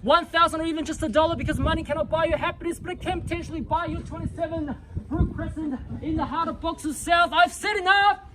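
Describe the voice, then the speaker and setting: Male real estate auctioneer, extremely high voice, showy rallying patter and repeated bid calls. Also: fast, heavy background noise. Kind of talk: live auction calling, repeating bid amounts. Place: live property auction before a crowd.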